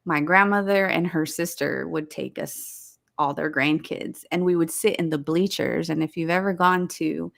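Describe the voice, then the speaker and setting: A woman co-hosting a casual live podcast, lively and laughing often, reading viewer comments aloud. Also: low voice, normal speed, vocal fry, few pauses. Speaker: podcast co-host.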